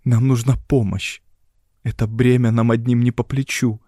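A man's voice: medium pitch, little pitch movement, moderate pace, dark tone, no echo, studio quality, close to an everyday voice. A man voicing a big, commanding doctor who speaks in a firm, businesslike way. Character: big, commanding middle-aged male doctor, brisk.

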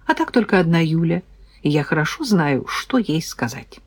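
A woman's voice: low-pitched, big pitch swings, moderate pace, husky. A woman reading a novel aloud in first person, with a wry, ironic storytelling manner. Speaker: audiobook reader. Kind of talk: scripted first-person narration.

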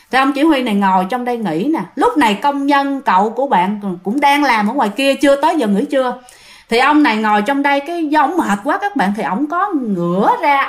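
A woman with a Southern Vietnamese accent casually telling a ghost story and talking to her listeners. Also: sits high. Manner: chatty, addresses listeners directly.

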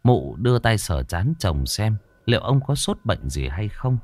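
A man narrating a horror story in a dramatic, expressive way. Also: fairly low pitch, measured pace, no room sound.

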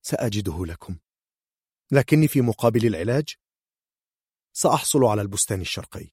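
A man voicing a calm, shrewd young female healer who talks in a cool, matter-of-fact, bargaining way. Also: on the low side, brisk, breathy edge, no echo, studio quality.

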